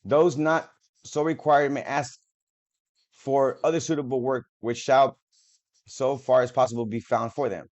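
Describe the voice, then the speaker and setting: A man's voice: mid-range voice, steady tone, darkish tone. A man reads long official text aloud in a middle-range voice, tripping over words and restarting them. He breaks off into loose, profane asides before picking the text back up. The audio sounds dull and lo-fi. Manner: halting reading, stumbles and restarts over words, swears in offhand asides. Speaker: video creator. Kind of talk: reading documents aloud with casual asides.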